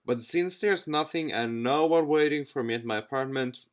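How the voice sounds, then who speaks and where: A man with a medium-pitched voice speaks at a normal speed while hosting a let's play for a gaming video. He reads visual novel text aloud, adds commentary, and often trips over words and repeats them.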